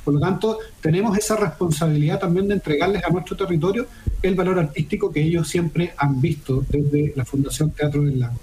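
A man's voice: on the high side, brisk, warm tone, poor audio. A man, a theater foundation director, giving formal interview answers over a video call with frequent restarts. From Chile.

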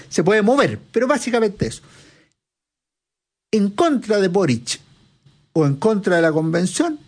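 High-voiced man explaining politics. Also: a little mellow, breathy edge. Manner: lecturing, poses and answers own questions. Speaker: political analyst guest. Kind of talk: analytical interview answer.

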